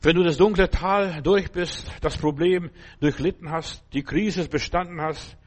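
A man preaching a fervent sermon, repeating phrases and swinging between loud cries and low murmurs. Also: fairly even intonation, measured pace.

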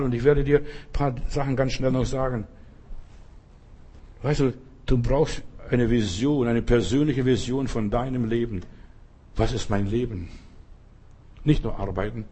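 A man preaching with a husky, slightly breathy voice. He talks emphatically, repeats phrases for weight, and speaks straight to the listener. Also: mid-range voice, dark tone. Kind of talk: sermon.

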